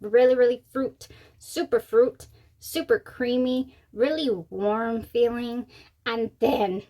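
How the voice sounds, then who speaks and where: A woman with a somewhat high voice hosts a casual, chatty review. She sounds giddy and gushes with excitement. Her mouth is still swollen on one side after wisdom teeth removal. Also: slow pace. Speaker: fragrance review channel host.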